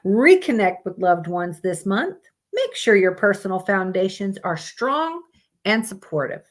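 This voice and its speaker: A woman's voice: medium pitch, big pitch swings, a little slow. Woman, live streamer, horoscope reading, casual, blunt profane asides. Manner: reads aloud plainly, breaks off with swearing asides.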